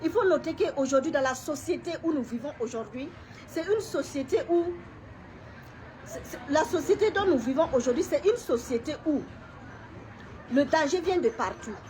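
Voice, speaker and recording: A middle-aged woman gives an emotional personal testimony to camera. She talks haltingly, often repeating words, pausing and clearing her throat. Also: sits high, expressive, darkish tone, slight background noise. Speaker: woman sharing a personal story.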